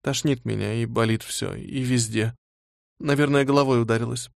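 A man reading an audiobook and voicing a weak, sick teenage girl who talks quietly and wearily. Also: mid-range voice, steady tone, normal speed, vocal fry, no echo, studio quality, close to an everyday voice. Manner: quiet, weary.

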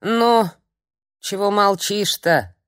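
A woman reading an audiobook, voicing a cantankerous, half-blind old hag who scolds and jeers in a high, strained voice. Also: no room sound, studio quality. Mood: scolding. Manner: shrill, scolding, drawn-out jeers.

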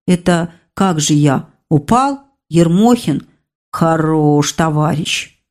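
A woman voicing a drunken, weepy male soldier who mumbles and slurs his words slowly. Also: fairly high pitch, expressive, a little mellow. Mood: befuddled. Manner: slurred, slow mumbling.

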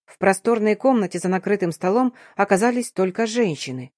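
Brief: female audiobook narrator, even mid-range voice, dry booth sound. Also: medium pitch, brisk, no echo. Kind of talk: first-person audiobook narration.

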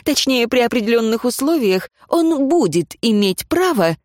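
A woman's voice: on the high side, big pitch swings, normal speed, darkish tone, dry recording, studio quality. Woman reading as a proud, guarded noblewoman. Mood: cold. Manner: clipped, proud and defensive.

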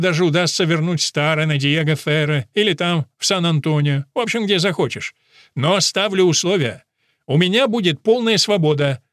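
A man's voice: sits high, a bit bright, no room sound, clean studio sound, pitched above the performer's own voice. A man voicing a smug, cheerful middle-aged father who talks in a breezy, patronizing way.

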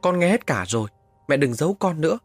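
A man's voice: fairly high pitch, very animated, fast, no echo, soft background music, pitched above the performer's own voice. A man voicing a frightened young village boy who pleads and cries out in panic, in a spoken horror story. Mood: pleading.

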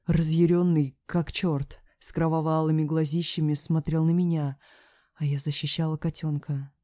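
A woman reads a first-person story aloud in a low, mellow voice, recorded close and dry. Her delivery is emotional, sinking into hushed whispers and rising into anguished cries. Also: flat delivery, normal speed, dry recording. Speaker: audiobook narrator. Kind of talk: first-person dramatic audiobook reading.

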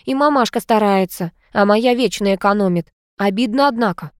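A woman's voice: medium pitch, moderate pace, clean tone, dry recording, studio quality, natural voice. A woman voicing a spoiled, sulky provincial woman who speaks in a whiny, childish way in an audiobook. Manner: whiny, petulant.

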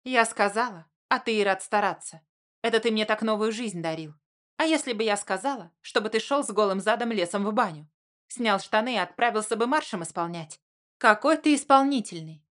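A woman's voice: medium pitch, fairly bright tone, close to an everyday voice. Woman playing a sarcastic, hurt heroine. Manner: sarcastic, biting.

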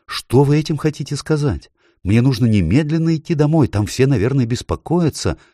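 Guy doing a high little girl voice, kind and worried, pleading, lots of up and down. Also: sing-song, normal speed, a little mellow, no echo, clean studio sound. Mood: alarmed. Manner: pleading, urgent questions. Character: earnest young girl, kind and anxious.

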